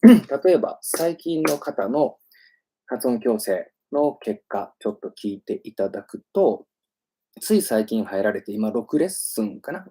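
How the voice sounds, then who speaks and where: Mellow husky man, chatty teacher. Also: mid-range voice. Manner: chatty and self-promoting, filler-heavy. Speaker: English pronunciation teacher. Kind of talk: casual livestream talk.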